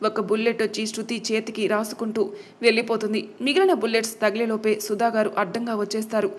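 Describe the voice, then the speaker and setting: A woman's voice: on the high side, fairly even intonation, fast talker. A woman storyteller narrating a dramatic family tale.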